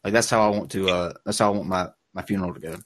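A man co-hosts a casual livestream, rambling in a self-deprecating way with a slightly cracking voice. His pitch sits on the low side. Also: very fast, fairly bright tone. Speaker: co-host reading super chats.

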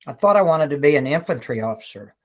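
A man over seventy from West Virginia, casually reminiscing as an interview guest in an unhurried storytelling way. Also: a little high, animated, lo-fi sound. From West Virginia, United States. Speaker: guest, retired Marine colonel.

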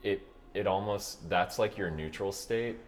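Very deep-voiced man chatting casually. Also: unhurried, a little hiss or hum. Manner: relaxed, rambling, with frequent "like" and laughs. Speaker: opera singer guest. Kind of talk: casual interview chat.

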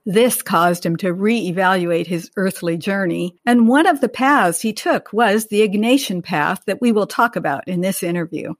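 A woman's voice: mid-range voice, normal speed, hardly any pauses, no echo, clean studio sound. A woman co-hosting a podcast, giving a prepared guest introduction and leading an interview.

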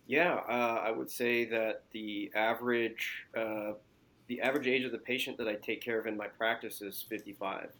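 Low-voiced doctor explaining calmly. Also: male voice. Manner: measured, explanatory, frequent fillers. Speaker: physician guest. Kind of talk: interview answers.

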